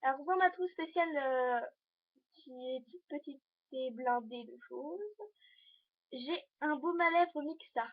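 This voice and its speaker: A high-voiced teenage girl talks straight to her viewers in a casual fashion vlog, rambling along with lots of hesitations while she holds things up to the camera. The sound is dull and lo-fi, recorded on a simple camera microphone. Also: takes it slowly. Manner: chatty and rambling, full of hesitations. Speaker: vlogger. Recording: dull lo-fi home video recording.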